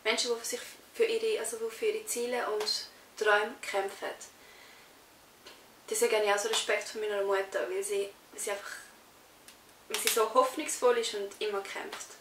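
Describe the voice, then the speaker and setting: This interviewee is a young Swiss actress whose Swiss German accent comes through as she answers casually, in a steady, medium-pitched voice at a moderate pace. She sits on a sofa in a small indoor room, and the audio is echoey, distant-miked and faintly hissy.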